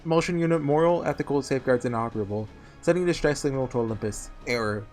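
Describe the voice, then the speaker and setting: A man voicing a failing machine god in a game, reading its breakdown as a flat, clipped system-error readout like a glitching robot. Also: medium pitch, fast talker, soft background music, lightly acted. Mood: cold, failing. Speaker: let's-play streamer reading game dialogue aloud. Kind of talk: reading game text aloud during a playthrough.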